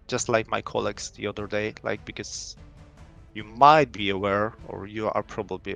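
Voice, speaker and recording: A young man from Poland shows off his indie game on a live stream, speaking English, not his first language, with a Polish accent. His voice is fairly low, creaky, and fairly bright, and he talks loosely and ramblingly, full of fillers and restarts.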